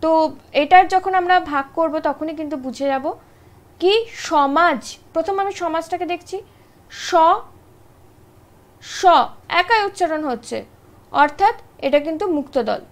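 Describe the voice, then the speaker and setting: A woman's voice: very high voice, unhurried, long pauses. A woman teaching an exam-prep grammar lesson, explaining step by step and often checking in with short tag questions.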